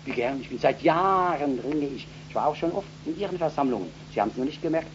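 A man preaches to a gathered congregation, his pitch swinging widely as he surges into loud, fervent peaks and doubles back on his own words. The recording is dull and muffled, with a faint hum running underneath. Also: expressive, fast talker. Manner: repeats words and phrases. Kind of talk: live revival sermon. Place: revival meeting in front of a congregation.

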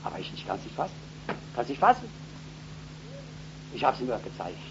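A man preaching a live revival sermon to a congregation, fervent and repetitive, bursting into loud emphatic peaks. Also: mid-range voice, huge pitch swings, moderate pace. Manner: repeats words and phrases. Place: revival meeting in front of a congregation. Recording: dull old recording with faint hum.

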